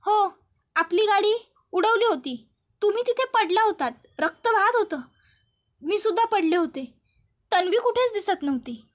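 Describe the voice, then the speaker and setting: A woman reading a frightened middle-aged woman, slow and pleading. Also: very high-pitched, lively intonation.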